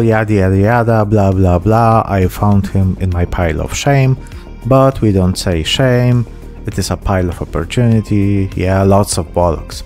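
Speaking into a close desk mic fitted with a pop filter in a small room, the thirtysomething host of a miniature painting channel walks through a laid-back hobby tutorial, poking fun at himself. His voice is low-leaning and a little mellow.

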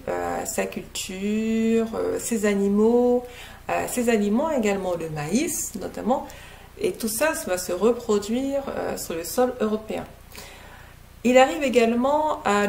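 A woman from French Guiana, a book reviewer, speaks in a medium-pitched, creaky, slightly mellow voice as she casually reviews a novel to her laptop webcam. She sits close to it in her living room at home, hesitating and using lots of filler sounds.

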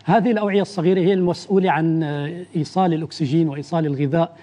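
A man, an internal medicine doctor, explaining medical facts in a measured way on a TV interview, often restarting his sentences. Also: fairly high pitch, fairly even intonation, dark tone.

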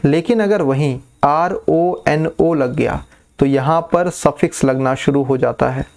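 A man explains chemistry in a relaxed, coaxing way. His voice is gravelly and sits a little high. He drags out key terms and keeps checking that his students are following. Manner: coaxing, checks understanding often; repeats key terms slowly. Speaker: chemistry teacher. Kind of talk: casual classroom explanation.

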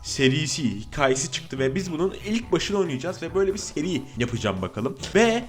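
A man giving casual, jokey horror gameplay commentary as a streamer. He gets excitable, swears often and talks straight to his viewers. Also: a little high, brisk, soft background music. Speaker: gaming streamer.

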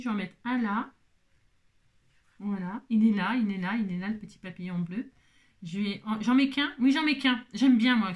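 Chatty woman crafting. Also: medium pitch. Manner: talks to herself and viewers while working, playful teasing asides. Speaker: craft tutorial host.

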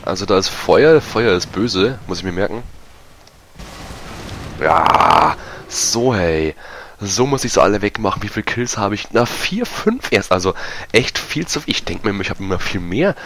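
A man giving casual, self-mocking commentary over a multiplayer match, his voice going hoarse. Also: fairly low pitch, expressive, normal speed, a bit bright, a little hiss or hum. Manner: chatty, self-mocking, many fillers. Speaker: gaming YouTuber. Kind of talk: casual let's-play commentary.

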